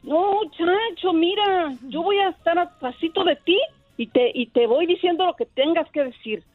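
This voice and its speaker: Woman voicing a hoarse old priest, high voice, dry phone sound. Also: moderate pace, no room sound, phone-quality sound, soft background music. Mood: pleading. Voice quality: hoarse-throated. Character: hoarse elderly male parish priest.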